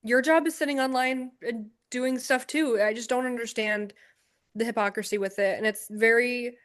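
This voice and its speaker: A woman co-hosts a podcast in casual, critical chat, sounding exasperated. Her voice sits a little high, and she drops into quick mocking asides. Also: a bit bright. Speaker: podcast co-host.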